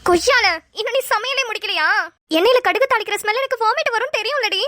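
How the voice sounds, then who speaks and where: A playful young woman in a cartoon teases her friend in rapid banter, voiced by a woman. The voice is very high, bright and sharp. It is recorded dry and close. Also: dry recording. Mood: teasing. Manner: teasing, fast banter. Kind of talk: cartoon voice acting.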